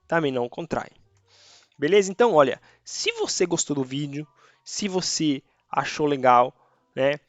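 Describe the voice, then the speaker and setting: This fairly high-pitched man speaks in a sing-song way at normal speed, in a dry recording. He's a native Spanish speaker giving a casual online grammar lesson, talkative and regularly checking on viewers with "tá" and "beleza."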